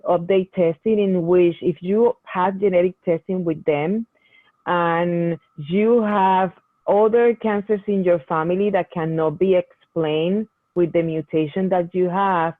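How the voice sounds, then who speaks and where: In a Q&A session, a woman who works as a medical geneticist responds to patient questions with lengthy explanations full of restarts. Her voice is lowish, there's no echo, and the audio sounds tinny, like a phone call.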